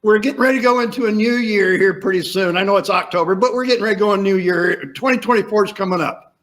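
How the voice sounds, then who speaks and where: Quick-paced and a bit bright, this high male voice belongs to a podcast host conducting a casual interview over a video call. He speaks emphatically and leans on rhetorical questions.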